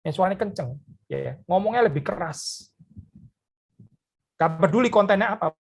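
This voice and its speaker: A man's voice: high voice, animated, moderate pace, creaky. A pastor preaching a sermon in an earnest, conversational way, addressing his listeners directly, tagging phrases with short asides and mixing in English words.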